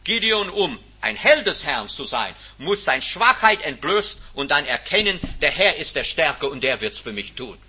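A man preaching a sermon, emphatic, swinging from loud stresses to near-whispers. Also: on the high side, big pitch swings, normal speed, few pauses, breathy edge. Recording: dull lo-fi recording.

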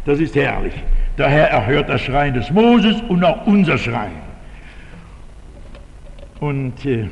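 A man's voice: on the high side, long reverb tail, low-quality recording. An older man preaching a sermon in a church, emphatic and repeating his key phrases.

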